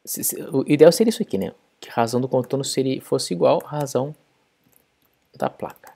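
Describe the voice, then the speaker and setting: Man, programming tutorial, step-by-step explanation, dark tone, raspy. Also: medium pitch, a little fast. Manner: explains step by step while typing code. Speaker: programming instructor. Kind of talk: coding tutorial screencast.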